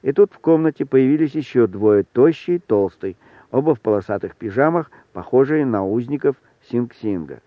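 A man's voice: mid-range voice, expressive, normal speed, no echo. Man narrating a story over a thin line. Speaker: audiobook reader. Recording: thin phone-like sound, dry.

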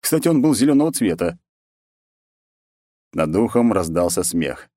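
A man narrating a first-person audiobook in a wry, sarcastic storytelling manner with lively character quotes. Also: low-pitched, a little slow, no echo, clean studio sound.

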